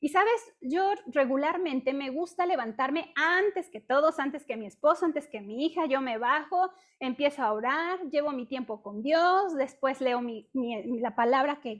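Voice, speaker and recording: A high-pitched, middle-aged woman with a Mexican accent preaches to a women's group in a relaxed, conversational way. She keeps pulling her listeners in with quick questions as she talks, and she acts out her own past complaints as little bits of dialogue. She is heard over a video call. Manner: chatty, peppers talk with rhetorical questions. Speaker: women's ministry speaker. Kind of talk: conversational testimony sermon.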